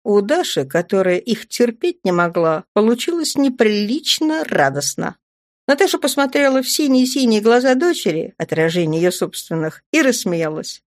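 A woman narrates an audiobook in an expressive storytelling voice with a lively, shifting melody. The sound is dry and close to the mic, with no room behind it. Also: medium pitch, moderate pace, no room sound. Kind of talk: scripted narration.

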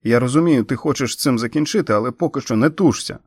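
A man's voice: medium pitch, fast, breathy edge, dry recording, studio quality, pitched above the performer's own voice, close to an everyday voice. A man voicing a woman helping at a birth who gives firm, urgent orders, in an audiobook reading. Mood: urgent, commanding. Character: woman midwife, urgent, commanding. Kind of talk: audiobook character voice.

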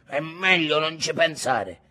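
A man voicing an old grandfather fisherman, steady and devout, giving gruff commands. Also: on the high side, takes it slowly, voice pushed up, exaggerated voice. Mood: grim calm.

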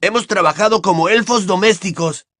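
A man's voice: sits high, fairly quick, a bit bright, no echo, studio quality, voice pushed up. A man voicing a lazy, joking teenage boy wizard in an audiobook, sarcastic and mock-offended.

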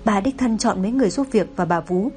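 A woman narrating an audiobook in a calm, even storytelling manner. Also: mid-range voice, fast, soft background music.

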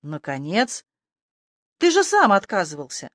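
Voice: medium pitch, huge pitch swings, a little slow, fairly bright tone, dry recording, clean studio sound. A narrator doing a wary young village girl. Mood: indignant. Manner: wary, indignant. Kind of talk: audiobook character voice.

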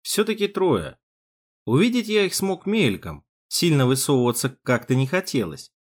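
A man narrating an audiobook chapter in first person with an expressive reading. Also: mid-range voice, husky. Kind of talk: scripted narration.

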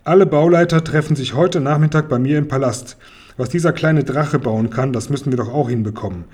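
A man's voice: medium pitch, fairly quick, a little mellow, husky, close to an everyday voice. A man voicing a pompous male pharaoh who bursts into laughter and barks orders, in an audiobook. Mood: enthusiastic. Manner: boisterous, bossy, bursts of laughter. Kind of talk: audiobook character voice.

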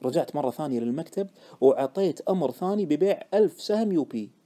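A man narrating an audiobook in the first person with expressive storytelling. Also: a little high, quick pace.

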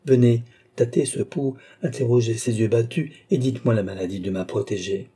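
A man voicing a gracious young princess who speaks kindly but with gentle command. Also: medium pitch, fairly even intonation, moderate pace, husky, close to an everyday voice. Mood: gracious, lively.

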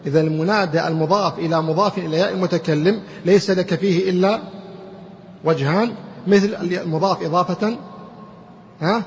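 Guy lecturing on grammar, kinda high voice, keeps asking the class questions, muffled old recording. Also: a little hiss or hum. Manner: explains slowly, quizzes students with rhetorical questions. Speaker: grammar teacher. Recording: muffled recording in a reverberant hall.

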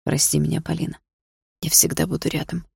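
A woman voicing a kind young father who speaks softly and tenderly in a dream. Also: deep voice, flat delivery, fairly quick, creaky, breathy edge, dry recording, clean studio sound, exaggerated voice. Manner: tender, soft-spoken.

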